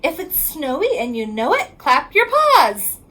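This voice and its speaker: The sound quality is poor, but a woman's high-pitched, sharp voice comes through, swooping wildly as she reads a rhyming picture book to children. Her delivery is sing-song, with the ends of lines drawn out.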